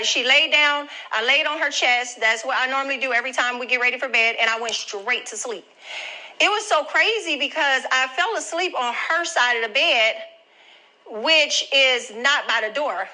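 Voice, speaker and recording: A woman's voice: high-pitched, pushed and bright, low-quality recording. A grandmother telling viewers a personal story in a chatty, direct way. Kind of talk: casual storytelling to camera.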